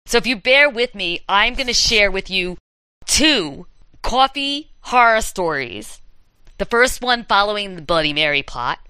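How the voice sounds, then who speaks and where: A woman's voice: medium pitch, lively intonation, unhurried, bright, forceful tone, smooth, no room sound, poor audio. A woman hosting a chat, telling campfire horror stories in a dramatic, playful way. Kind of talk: storytelling in casual chat.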